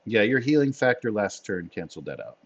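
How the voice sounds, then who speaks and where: A man narrating as game master of a tabletop role-playing game, playful and quick to laugh. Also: lowish voice, sing-song, husky. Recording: dull lo-fi sound.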